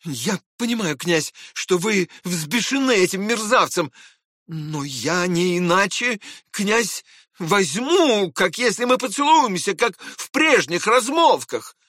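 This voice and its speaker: A man's voice: high voice, slow, no echo, clean studio sound, voice pushed up, exaggerated voice. A man reading aloud and voicing a proud, hot-tempered young man who argues with indignant urgency. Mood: emotional, pleading. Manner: excited, indignant pleading.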